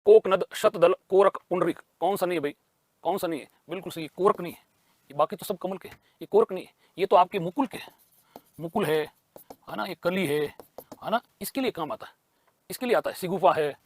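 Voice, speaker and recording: A man's voice: sits high, a little fast, a little mellow, no room sound. A man teaching a grammar lesson for exam prep. He asks questions and answers them himself, and he repeats key terms.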